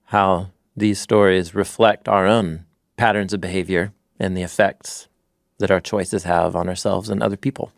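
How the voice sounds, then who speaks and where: A male podcast co-host works through ideas in an earnest, reflective, conversational manner, adding lively emphasis. His low voice is gravelly, and the studio-quality recording has no echo.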